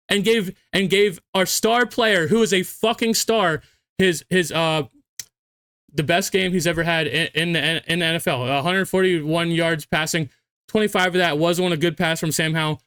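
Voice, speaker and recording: A man's voice: sits high, normal speed, bright, forceful tone, no echo, clean studio sound. A drunk man on a heated, profane sports rant as a fan, hammering points home by repeating his phrases. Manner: emphatic, repeats phrases for stress.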